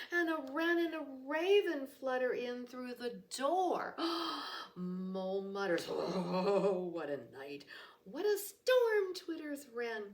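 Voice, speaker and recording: Woman librarian, bedtime story reading, very slow, expressive, whispers, mic far away. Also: sits high. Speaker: children's librarian.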